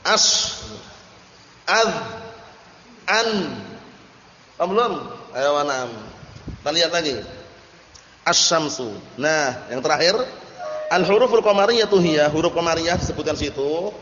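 A man's voice: a little high, a bit bright, a little hiss or hum. A man teaching an Arabic lesson in a classroom style, often stopping to ask the students if they understand. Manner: drills students with repeated checks for understanding. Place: large hall, study gathering. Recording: echoey hall, dull lo-fi audio.

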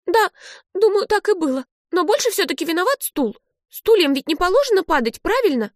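A woman voicing an excitable, lively little girl who talks in an eager, high, bright way. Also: brisk, dry recording, clean studio sound. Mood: pleading.

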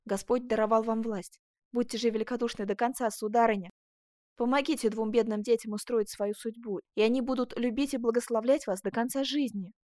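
A woman voicing a gentle, earnest young man who pleads and protests, in a dry close recording. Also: medium pitch, fairly even intonation, fast talker, dry recording, lightly acted. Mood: imploring. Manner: earnest, imploring.

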